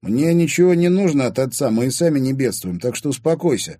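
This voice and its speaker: A man's voice: mid-range voice, very animated, a little fast, warm tone, no room sound, studio quality, voice pushed up. A man voicing a cool-headed young student who answers coldly and curtly. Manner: cold, curt.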